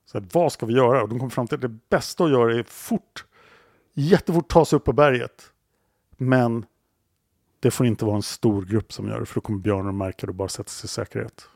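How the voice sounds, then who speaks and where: A man's voice: medium pitch, creaky, darkish tone, no room sound, studio quality. A man hosting a podcast, narrating a story dramatically and building suspense. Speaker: podcast host.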